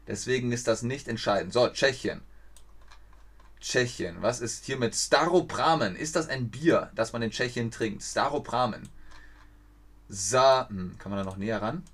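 A man's voice: medium pitch, moderate pace, a bit bright. A young man streaming a geography guessing game, thinking aloud, reading viewers' chat and stumbling over foreign place names.

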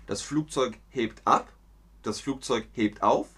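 A man teaching idioms in a language lesson, slow and clear, repeating phrases and acting out little scenes in playful put-on voices. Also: mid-range voice, fairly bright tone. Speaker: German teacher.

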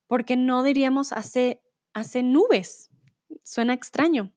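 Slow, patient woman teaching a language. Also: sits high, darkish tone, no echo. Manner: patient explaining, switching between Spanish, English and German; checks in often with "¿vale?". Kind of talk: live-streamed language lesson.

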